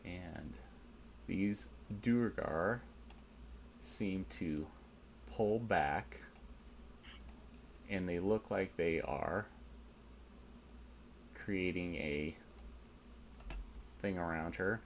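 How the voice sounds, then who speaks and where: A man's voice: low-pitched, very slow, pauses often, slight background noise. A man narrating a tabletop game as game master, methodically explaining rules and dice rolls.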